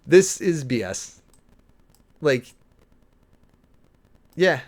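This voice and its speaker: Speaking extremely slowly, a livestream host offers opinionated political commentary in a fairly high voice with big pitch swings. His manner is casual and emphatic, with frequent repetition for stress.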